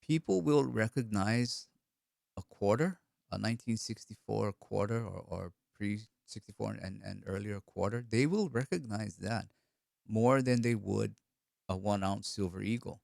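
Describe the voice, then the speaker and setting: Hosting a live stream while sick with a cold, this middle-aged Hawaiian man speaks with a hoarse, fairly low, creaky, darkish voice at a measured pace. He chats loosely, responds to viewer comments, and tends to repeat words. The sound is clean studio quality with no echo.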